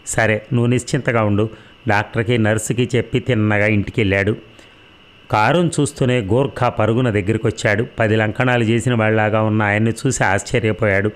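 Brief: male narrator reading a tense novel, steady and dramatic. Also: on the low side, a little fast. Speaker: audiobook narrator.

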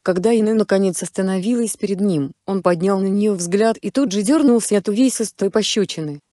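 Lady reading a story aloud, calm and steady, mellow tone, dry close sound. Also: medium pitch, a little fast, dry recording. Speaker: narrator. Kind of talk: storybook narration of fan fiction.

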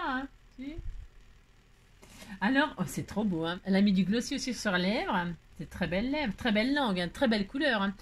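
A woman hosting a crafting channel, chatting casually and exclaiming with delight as she opens mail, with many fillers, and talking to the items she unpacks. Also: mid-range voice. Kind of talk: casual chat while opening mail.

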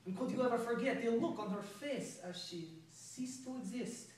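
A man playing a cold, taunting Russian terrorist hijacker in a dramatic monologue, speaking deliberately with a Russian accent. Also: very high voice, darkish tone. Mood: threatening, taunting. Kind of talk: dramatic audition-style film monologue. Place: echoey room, away from the microphone. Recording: echoey room, distant microphone.

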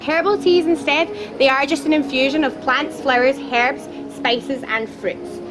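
At a measured pace, a young female tour guide gives a guided talk to her group in a theme park's outdoor garden, her high, bright voice loud and lively. She chats freely and cracks playful jokes. A camera a few steps away picks her up without a microphone, and music is clearly audible behind her.

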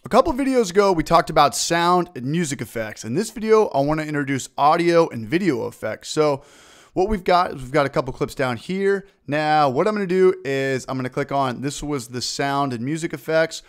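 Upbeat man hosting a software tutorial. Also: on the high side, expressive, brisk. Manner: upbeat, informal, narrates each click. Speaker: video tutorial host. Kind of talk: screen-recorded software tutorial.

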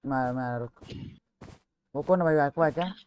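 A man gaming with a teammate who gets excited and panics in fights. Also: medium pitch, moderate pace, highs cut off. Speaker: gamer. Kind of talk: casual gaming chat with a teammate. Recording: noisy, with mouse clicks behind.

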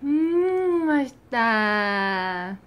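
A woman's voice: on the high side, very animated, drawn-out words. A young mother at home coaxing her baby to eat with playful sing-song baby talk. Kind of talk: casual home video. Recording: noisy home recording.

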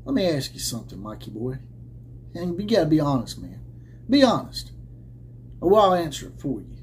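A slightly high, sing-song, darkish voice at a moderate pace belongs to this man in his thirties who runs a college football commentary channel. He rants to a head-and-shoulders desk camera in an indoor room with caps on the wall, sarcastic and combative, laughing mockingly, with slight background noise.

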